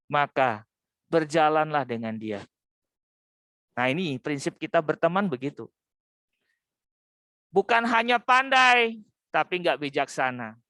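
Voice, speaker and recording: Lively man preaching, dry sound. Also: fairly high pitch, smooth, dry recording. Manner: lively, humorous, folksy asides. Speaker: Buddhist Dhamma speaker. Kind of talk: sermon.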